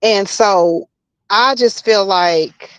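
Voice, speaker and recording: A slightly dull, dry recording of a woman in casual personal talk. She speaks at a middle pitch, halting and circling back over her phrases as she looks for words. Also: a bit bright, clear, resonant tone, dry recording. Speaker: guest telling of being bullied online.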